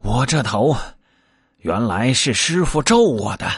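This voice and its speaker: A cocky, hot-tempered male monkey from a storybook, whose voice leaps up into shrill yelps when he is hurt, as a man acts him out. His lines swoop widely and sound husky and dry. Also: big pitch swings, a little slow, dry recording, heavily acted. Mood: brash. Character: brash quick-tempered monkey disciple, male.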